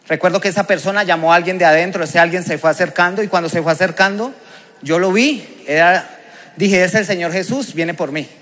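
Speaking in a high, sharp voice with a Colombian accent, a preacher delivers a personal testimony sermon. He tells his story vividly and with strong emotion.

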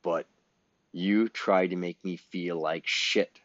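Deep, slow-talking profane man. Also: steady tone, fairly bright tone, no echo. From Illinois, US Midwest. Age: 50s. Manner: blunt, profane, sarcastic. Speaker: podcast host. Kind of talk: ranting podcast monologue. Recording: dull, dry lo-fi recording.

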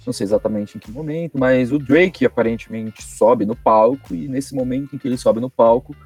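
A man's voice: mid-range voice, a little fast, a little mellow, husky, faint music behind. Brazilian man, slangy casual podcast host. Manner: informal Brazilian street slang. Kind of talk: casual chat, presenting a music and news podcast.

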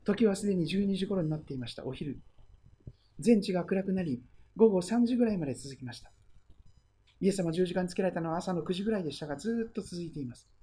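A pastor preaching a sermon and retelling the story, often letting phrases trail into a hush. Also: mid-range voice, animated, fast, slightly rough.

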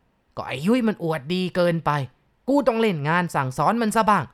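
Spiteful male ghost in a possessed man, low and slow, a woman narrator doing it for a spoken ghost story. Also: animated, lightly acted. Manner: spiteful, boastful. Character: vengeful male ghost speaking through a man.

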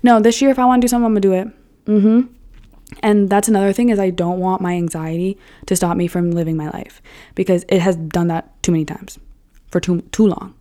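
Chatting frankly with her viewers, this early-twenties vlogger curses freely and says "like" constantly. She speaks fairly quickly at medium pitch, with a steady, dark tone.

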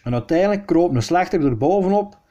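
A Flemish-accented man reading local history aloud, in a measured, dryly wry tone. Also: high voice, expressive, mellow, muffled recording. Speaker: storyteller.

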